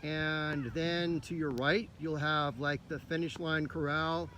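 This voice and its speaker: With a fairly high, steady voice that sounds pushed and bright, a man takes it slowly as he walks a cross country course outdoors and explains the route. He coaches in an upbeat, instructive manner while slightly out of breath, and faint outdoor noise surrounds this park trail commentary.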